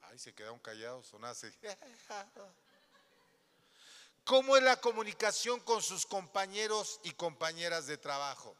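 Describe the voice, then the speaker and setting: A man's voice: sits high, big pitch swings, moderate pace, hardly any pauses, fairly bright tone, smooth. A man pastor preaching a sermon in a church, throwing questions at the congregation and acting out little scenes. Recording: long hall reverb.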